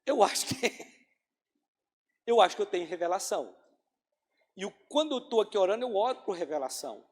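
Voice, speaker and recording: A man preaching as pastor of his church in an earnest sermon that repeats key lines and swings between loud and soft. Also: high-pitched, sing-song, fast talker. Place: church hall. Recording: long hall reverb of a church.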